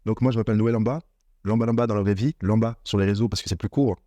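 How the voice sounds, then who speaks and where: A fast-talking man with a lowish, warm voice and fairly even intonation delivers a direct-to-camera motivational talk on business mindset. There's no room sound. He's an online business coach, earnest and repetitive in his delivery.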